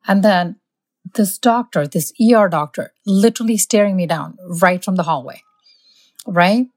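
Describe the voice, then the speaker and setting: A woman's voice: medium pitch, measured pace, long pauses, a little mellow. A woman physician telling workplace anecdotes in casual conversation, emphatic and indignant. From born in India, raised in the US. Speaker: physician guest.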